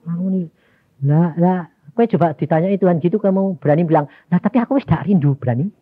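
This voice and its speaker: A man's voice: high voice, brisk, no room sound. A man preaching a sermon, telling a personal story and acting out the dialogue. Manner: storytelling, mixing in Javanese words, acting out dialogue. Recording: tinny phone-like dry sound.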